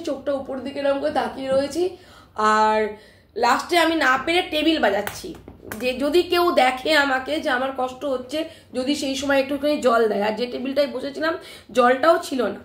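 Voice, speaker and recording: A woman retelling a personal scare to her live-stream viewers in an animated, emphatic way, often checking in with her listeners, while her throat is still sore. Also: high-pitched, echoey room, a little hiss or hum. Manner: animated, emphatic retelling with frequent "ঠিক আছে?" check-ins. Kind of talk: casual live-stream storytelling.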